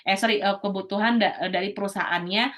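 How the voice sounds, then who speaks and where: A middle-aged woman teacher giving a casual lecture, talking quickly with many fillers and restarts. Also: medium pitch, steady tone, a bit bright.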